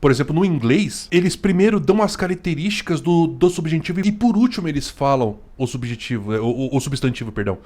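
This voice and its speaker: A man's voice: a little high, lively intonation, fast, hardly any pauses, darkish tone. A Brazilian man hosting a casual reaction commentary, chatty and slangy, tagging his sentences with "né" and "cara". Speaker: host reacting to a video.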